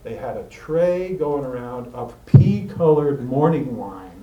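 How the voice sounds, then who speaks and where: A middle-aged man sharing his recovery story with a group, halting and rambling with many fillers and restarts, recorded in a meeting room. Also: medium pitch, lively intonation, warm tone, muffled recording. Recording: roomy, distant mic with faint hiss.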